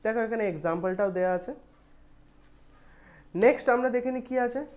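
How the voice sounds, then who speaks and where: A woman's voice: a little high, normal speed, a little mellow. Bengali woman teaching a grammar lesson. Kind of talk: exam-prep grammar lesson.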